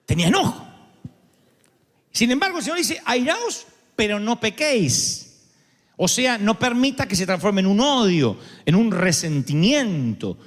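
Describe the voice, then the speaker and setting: A man's voice: high voice, moderate pace. A man with a Rioplatense Spanish accent preaching a sermon as pastor, ironic and humorous, telling stories to the congregation. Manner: ironic, humorous, animated storytelling. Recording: long hall reverb.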